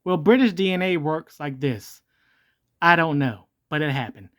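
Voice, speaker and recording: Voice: animated, moderate pace, a bit bright. A video host talking through a voice changer that morphs the voice, rambling jokily and correcting themselves as they go. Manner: jokey, rambling, self-correcting, pitch jumping around. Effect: voice changer that shifts and morphs the voice. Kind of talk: rambling comedic commentary.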